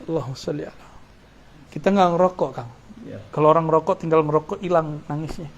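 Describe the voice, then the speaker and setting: A man's voice: on the high side, fast talker, gravelly, muffled recording. A middle-aged man with an Indonesian accent, an Islamic preacher giving a religious lecture, explaining Arabic terms and joking with listeners.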